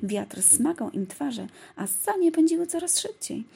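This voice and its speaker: A woman narrating a children's storybook aloud in a gentle, lively read-aloud manner. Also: high-pitched, a little slow, gravelly.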